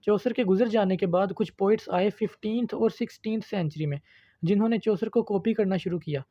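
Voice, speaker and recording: Mellow-voiced patient online lecturer. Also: medium pitch, fairly quick, no room sound, muffled recording. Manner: patient step-by-step explaining, addresses viewers as friends. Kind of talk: explanatory video lecture.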